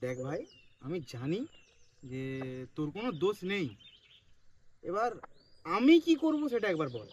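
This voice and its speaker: A man plays a young man with a Bengali accent whose voice sits high and strained. He was cheated out of money paid for a job and now presses his friend with urgent, bitter demands. The film sound is natural and outdoorsy. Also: huge pitch swings, normal speed, long pauses, muffled recording, full character voice. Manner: urgent, pleading on the phone, then bitter and confrontational. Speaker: actor in a short film. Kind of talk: naturalistic short film acting.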